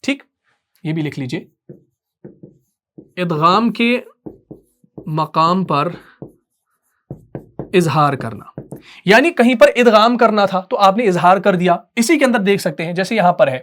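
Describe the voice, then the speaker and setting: A man teaching Quran recitation in a patient, step-by-step way. He often checks in with his students and chants verses slowly in melodic recitation. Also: sits high, animated, a bit bright. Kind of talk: tajweed lesson.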